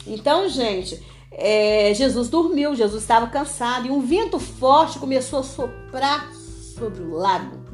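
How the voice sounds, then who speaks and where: A woman's voice: a little high, expressive, unhurried, roomy sound, faint music behind. A woman leading a prayer and Bible study, earnest and repeating her phrases, often checking in with her listeners.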